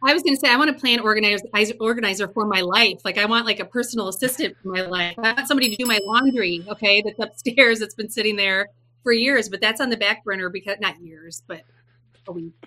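Bright-toned woman chatting on a video call. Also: mid-range voice, quick pace. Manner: frank, rambling, self-correcting. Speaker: entrepreneur guest. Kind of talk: casual panel chat.

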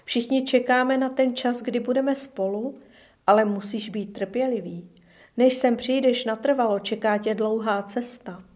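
A woman's voice: a little high, lightly acted. A woman reading as a kindly old grandfather. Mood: tender. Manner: soft, loving, reassuring. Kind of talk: storybook reading.

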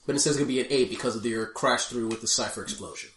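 A man runs a tabletop game as game master, his voice bright and forceful. He describes scenes in halting bursts full of fillers. The room around him is echoey. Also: medium pitch, far from the mic.

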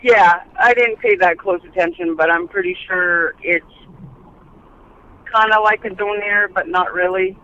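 A woman's voice: fairly low pitch, a little slow, a bit bright. Woman on speakerphone from a car. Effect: on speakerphone in a moving car. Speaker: host's mother on a call. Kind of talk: casual phone chat. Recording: muffled phone line.

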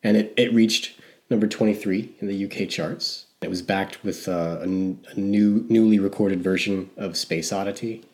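Male co-host, very low voice, casual rambling music chat. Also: fairly even intonation, moderate pace, a little mellow. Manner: rambling, self-correcting, hedging. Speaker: podcast co-host.

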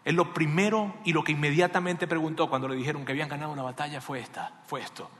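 A man preaching a sermon with passion and dramatic swings between loud and hushed. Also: on the high side, steady tone, quick pace. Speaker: pastor. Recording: echoey hall.

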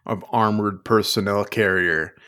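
A man's voice: on the low side, fairly even intonation, unhurried, sharp tone, clear, resonant tone. A man co-hosting a comedy podcast, riffing in casual chat and slipping into put-on voices. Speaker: podcast co-host.

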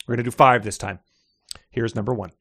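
A man's voice: mid-range voice, fairly even intonation, fairly quick, creaky, bright, forceful tone, husky, no room sound, clean studio sound. Man reading excerpts aloud on a podcast. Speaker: podcast host.

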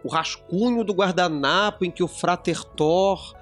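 A man's voice: high-pitched, measured pace, a bit bright, faint music behind. A man co-hosting a casual podcast discussion, explaining at length with frequent restarts. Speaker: podcast co-host.

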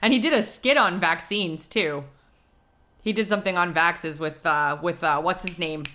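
A woman's voice: lowish voice, moderate pace, pushed and bright. A woman in her forties co-hosting a casual chat in an open, chatty way. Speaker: co-host.

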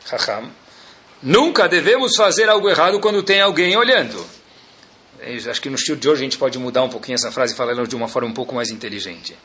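A man with a Brazilian Portuguese accent teaching a Torah class in an animated way, full of rhetorical questions and jokes for his audience. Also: mid-range voice. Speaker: religious teacher.

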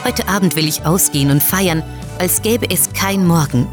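A woman with a very low voice reads a first-person short story with wry, expressive delivery. Faint music plays softly underneath her narration. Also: normal speed. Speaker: story reader.

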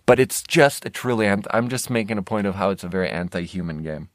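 In a fairly low, expressive voice, an American podcast host rattles along fast through a casual solo ramble. The recording is dry and clean, studio-grade, and he speaks candidly and conversationally, repeatedly interrupting himself.

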